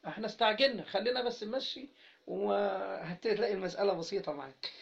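A man with an Egyptian Arabic accent teaching Arabic grammar in an interactive lesson, prompting students to finish his sentences and drawing out example words slowly. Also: high-pitched. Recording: dull lo-fi recording.

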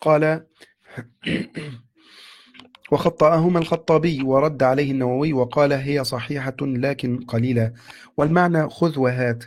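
A man reading a classical commentary aloud to his teacher in a steady, respectful recitation. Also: medium pitch, moderate pace, long pauses.

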